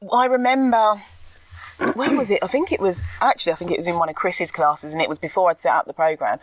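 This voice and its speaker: A woman's voice: lowish voice, fast talker, no echo. A woman co-hosting a podcast in casual chat, candid and a little ranty, laughing often. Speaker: podcast co-host. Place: outdoors in a garden.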